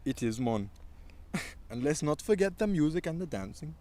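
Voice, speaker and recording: A man's voice: a little high, very animated, moderate pace, mellow, no room sound. A man doing a put-on Caribbean accent, voicing a cheerful young Caribbean podcast joker in a sing-song way, laughing through his lines. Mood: partying.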